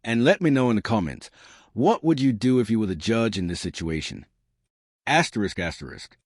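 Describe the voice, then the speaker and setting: A man's voice: mid-range voice, sing-song, fairly quick, darkish tone, dry recording, clean studio sound. A man hosting a scripted reaction video, giving hyped-up, mocking commentary with emphatic delivery. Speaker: host of a reaction channel.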